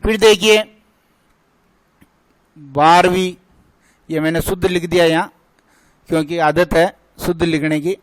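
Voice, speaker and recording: A man's voice: a little high, steady tone, unhurried, pauses often, dry recording, rough recording. A male teacher giving a grammar lesson, drilling points by asking a question and answering it himself.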